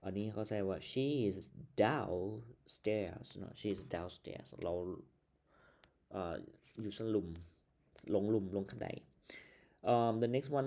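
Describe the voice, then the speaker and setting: Man, Lao accent, English teacher, slow unhurried delivery, mellow low voice, spells words letter by letter, computer mic. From Laos. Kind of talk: casual lesson explanation. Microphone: built-in computer microphone.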